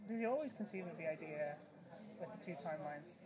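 A woman hosting and interviewing on a podcast, in a low-quality recording. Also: animated, a little fast, crowd noise.

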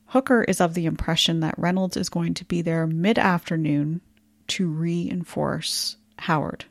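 A woman with a fairly low voice co-hosts a history podcast in a casual, chatty way. She pokes fun at herself and laughs easily. The sound is dry and close to the mic. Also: fairly even intonation, a little slow, creaky, no echo. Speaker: podcast co-host.

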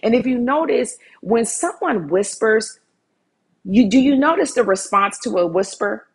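A woman's voice: on the high side, expressive, unhurried, husky. A woman preaching a sermon in an earnest way, repeating key phrases for emphasis.

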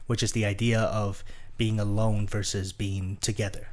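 A man's voice: on the low side, little pitch movement, moderate pace. A man co-hosting a podcast, chatting casually with many fillers and restarts. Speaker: podcast co-host. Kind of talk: casual chat.

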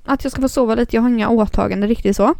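A woman's voice: a little high, vocal fry, no echo, studio quality. A woman, co-hosting a casual podcast chat and telling stories with acted-out quotes. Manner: animated storyteller, acts out quotes. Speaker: podcast co-host.

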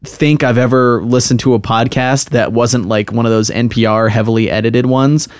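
A man's voice: medium pitch, fairly even intonation, moderate pace, no echo, clean studio sound. A young man co-hosting a podcast, joking and swearing casually and slipping into goofy voices. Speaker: podcast co-host. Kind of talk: casual chat.

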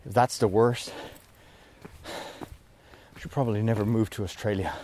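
Out in the woods and heading uphill, this priest vlogs as he walks, winded and weary, meandering along and poking fun at himself. His warm, lowish voice stays fairly even and unhurried, with slight background noise.

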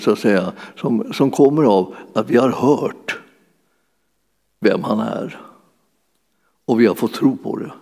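A man's voice: medium pitch, a little mellow. Man, preacher, sermon, casual fillers, long hall reverb. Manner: conversational, searching for words with many fillers. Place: church hall.

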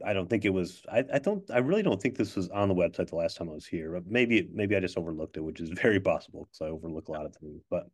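A man hosting a podcast in casual chat, halting and self-deprecating as he talks. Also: low voice, expressive. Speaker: podcast host. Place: office. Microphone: not his regular microphone.

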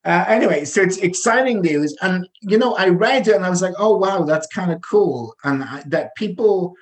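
A man's voice: high voice, animated, normal speed. A man with a South Wales Valleys accent co-hosting a casual news discussion, chatty and often hesitating and rephrasing as he goes. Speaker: co-host.

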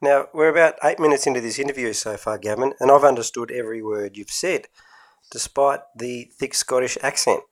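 A man's voice: medium pitch, a little fast. A man hosting a casual interview, asking questions in a jokey, teasing way. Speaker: interview host.

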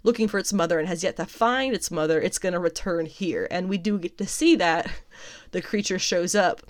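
A woman's voice: fairly low pitch, fairly quick. A woman casually recapping and reviewing comics. She talks in a chatty, amused way, laughs often and swears freely.

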